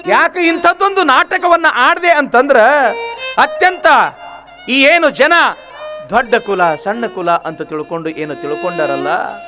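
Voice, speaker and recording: A man voicing a calm, fatherly god who gently admonishes a devotee in a story. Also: very high-pitched, a little slow, faint music behind, exaggerated voice. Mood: admonishing.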